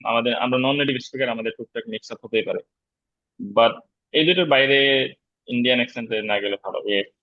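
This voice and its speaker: Male teacher, online class, explanatory and unhurried, dull dry sound. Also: mid-range voice, no echo. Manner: relaxed, explanatory, frequent fillers. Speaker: English teacher. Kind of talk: online lecture on pronunciation. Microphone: video call.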